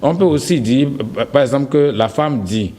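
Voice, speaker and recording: A man on a morning TV show, explaining French pronunciation slowly and carefully, repeating his example phrases. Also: mid-range voice, expressive, warm tone. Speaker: French language expert guest.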